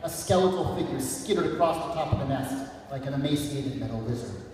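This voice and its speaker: A man, an author, reads a story dramatically from his book in a large, echoey room at an elementary school. His medium-pitched, darkish voice is animated and a little fast, picked up by a distant microphone that makes the hall sound very echoey, with faint noise.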